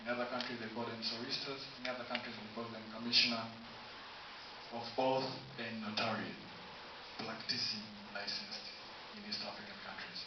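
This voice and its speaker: Speaking in a mid-range voice, a Tanzanian student council candidate delivers a formal, point-by-point campaign speech slowly and haltingly in a university room. There's no mic; a camera far away picks him up, so the sound is distant, echoey, dull, and hissy.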